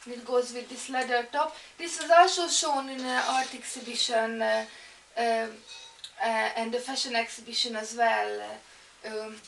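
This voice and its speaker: A woman in her thirties with a Hungarian accent introduces herself, halting and full of ums and restarts. Her voice sits high, bright and a little gravelly. She is recorded a bit away from the mic in an echoey room. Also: fairly even intonation, recorded from a distance, a little hiss or hum. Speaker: art and fashion student. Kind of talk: personal introduction video.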